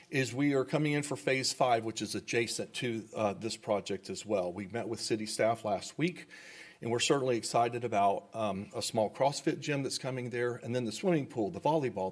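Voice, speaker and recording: A man speaking at a public meeting in an upbeat, salesmanlike way. His voice sits at an ordinary middle pitch, and he talks with a developer's enthusiasm.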